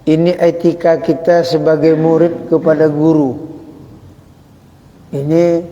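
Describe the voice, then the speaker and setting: A man over forty giving an informal religious study talk, chatty and joking, acting out greetings slowly. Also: on the high side, dark tone, slight background noise. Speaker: religious teacher. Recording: dull echoey hall.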